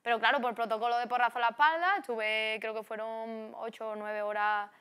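A woman's voice: on the high side, fairly quick, clean tone. A woman in her twenties from Spain, a guest footballer telling a story in casual chat, acting out what people said. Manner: lively storytelling with acted-out quotes.

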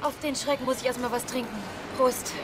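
A lively, outspoken woman in her thirties, as an actress plays her in a TV drama. Her voice sits a little high and she comes straight to the point. Clear background noise is heard under her voice. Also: brisk, natural voice. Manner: lively, direct. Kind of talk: TV series acting.

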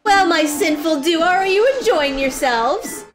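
A woman's voice: very high voice, lively intonation, unhurried, over music, voice pushed up. Woman doing a gloating, theatrical villainess. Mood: gleeful. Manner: grand, mocking, relishing cruelty. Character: sadistic theatrical female game villain, gleeful. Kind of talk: reading game dialogue aloud on stream.

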